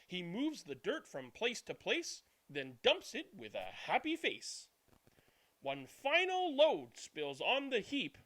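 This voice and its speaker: A man narrating a children's bedtime storybook in an expressive, deliberate way. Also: high voice. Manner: animated, deliberate reading with hushed good nights. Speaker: read-aloud channel host.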